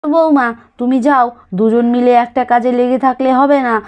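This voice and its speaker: Lady voicing a grumpy old mother-in-law in a doll cartoon, high voice, keeps scolding her daughters-in-law. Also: steady tone, normal speed, a little mellow, natural voice. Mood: grumbling. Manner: scolding, nagging. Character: elderly mother-in-law, sharp-tongued and proud.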